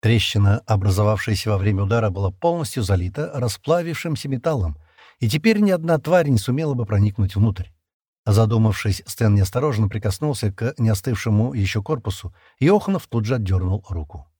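A man narrating an audiobook chapter in an expressive reading. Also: fairly low pitch, fairly quick, dry recording, clean studio sound. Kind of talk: scripted narration.

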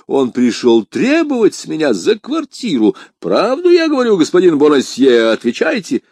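A man playing a bold, cunning young musketeer who declaims loudly and brashly. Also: on the high side, wildly swooping pitch, normal speed, no room sound, studio quality, voice pushed up, heavily acted. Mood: loud bluster. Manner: loud, brash, theatrical declaiming.

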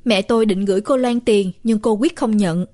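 Woman narrating a horror story. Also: medium pitch. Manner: measured, steady storytelling. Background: faint music.

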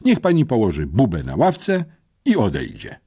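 Man voicing a sour sarcastic teen boy sleuth, dry, lifted pitch, dark husky tone. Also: huge pitch swings, normal speed, heavily acted. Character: gloomy sarcastic teenage boy detective.

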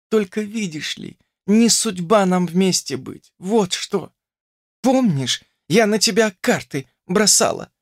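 Brief: tender young forest girl, read by a man, soft, quietly insistent, raised airy voice. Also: high voice, dry recording, clean studio sound, pitched above the performer's own voice, full character voice. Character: young forest woman, gentle, fatalistic.

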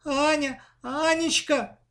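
A man voicing a frightened, gentle young girl who pleads anxiously in a storybook reading. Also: very high-pitched, animated, a little slow, voice pushed up.

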